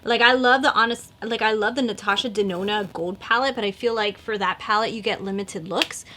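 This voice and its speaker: A beauty vlogger in her thirties chats casually while doing her makeup, rambling with plenty of likes and fillers. She talks briskly at a medium pitch over a noisy background.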